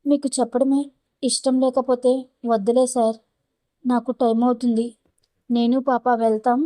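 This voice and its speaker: A gentle, protective caretaker woman, as a woman narrator puts her on, speaking politely and with some urgency. The voice runs a little high and sounds close and dry. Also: little pitch movement, normal speed, dry recording, close to an everyday voice. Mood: curt.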